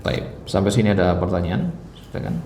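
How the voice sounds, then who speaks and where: A man's voice: low-pitched, expressive, brisk, noisy background. A man teaching a study class in a mosque hall, patiently repeating words and quizzing his listeners. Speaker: Quran teacher.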